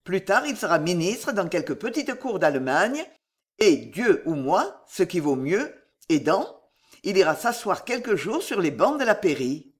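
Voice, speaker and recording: A narrator voicing a menacing, commanding false priest in an audiobook of a classic novel, with a measured, domineering delivery. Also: medium pitch, sing-song.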